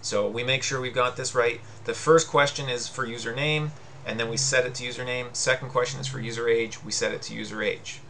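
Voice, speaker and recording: A man's voice: medium pitch, fairly even intonation, a little fast, gravelly, bright, forceful tone, a little hiss or hum. A male teacher talking through a coding screencast, patient and explanatory, reading out on-screen prompts as he goes.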